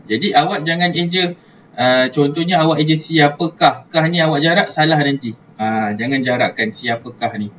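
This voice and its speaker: A man's voice: fairly high pitch, normal speed, a bit bright. Malaysian male religious teacher, online lesson, talks through his steps, far-off muffled mic with faint hiss. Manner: chatty, repeats words, thinks aloud while writing.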